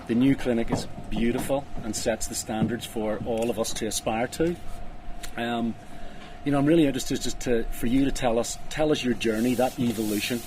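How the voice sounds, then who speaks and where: Male interviewer, mid-pitched, conversational delivery out on a ski slope with some outdoor noise behind him. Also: steady tone, a little fast. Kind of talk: interview on camera, open and conversational. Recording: noisy outdoor recording with ambient sound.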